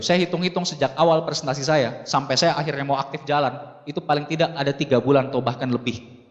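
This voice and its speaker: A man in his thirties from Makassar giving an animated motivational talk from a seminar stage, turning to address the audience often. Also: fairly high pitch, highs cut off. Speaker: seminar speaker. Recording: long hall reverb.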